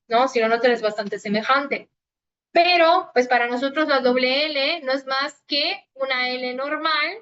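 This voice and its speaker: A woman's voice: sits high, sharp tone. A woman whose first language is Italian, teaching an online language class in Spanish, patient and explanatory, often checking in with "ok?". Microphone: phone recording of a video call. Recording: dull phone recording of a video call.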